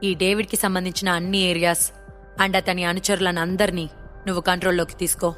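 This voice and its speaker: A woman voicing a calm, self-assured young male hero in an audio story, giving orders quietly and quickly. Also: on the low side, faint music behind, close to an everyday voice.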